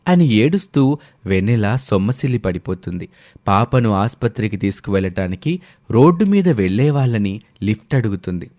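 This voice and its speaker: A man narrating a scripted story in a steady, matter-of-fact way. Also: fairly low pitch, normal speed, no echo.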